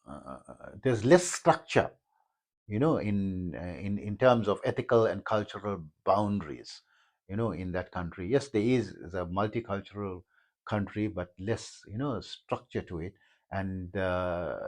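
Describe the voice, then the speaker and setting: A man with a South African accent talks through spiritual ideas without a script. His pitch moves about in a lively way, and he rambles with many "uh"s and restarted phrases. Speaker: yoga teacher. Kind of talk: unscripted spiritual talk.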